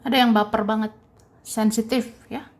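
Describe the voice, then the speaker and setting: A woman's voice: fairly high pitch, flat delivery, normal speed. A woman giving a chatty, casual tarot reading, repeating points and laughing lightly between them. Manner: chatty, repeats herself, ends phrases with soft tag words. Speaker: tarot reader.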